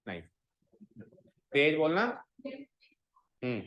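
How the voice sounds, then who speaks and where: A man's voice: mid-range voice, very animated, slow pace, a bit bright, muffled recording. A man teaching a school maths class, mixing Hindi with English and drilling students on pronunciation. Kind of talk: classroom lecture.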